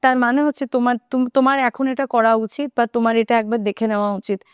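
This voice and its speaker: Clear-voiced woman teaching English. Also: a little high, level tone, no room sound, studio quality. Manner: slow careful English examples inside quick Bengali explanations; checks in often with listeners. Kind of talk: video lesson explaining English phrases in Bengali.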